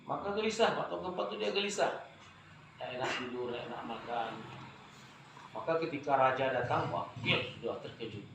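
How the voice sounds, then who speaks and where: Animated male preacher in an echoey hall. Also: medium pitch, brisk, vocal fry, background noise. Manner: animated storytelling, keeps addressing listeners as Pak. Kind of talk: religious talk with a told parable. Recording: very echoey hall, faint ambience.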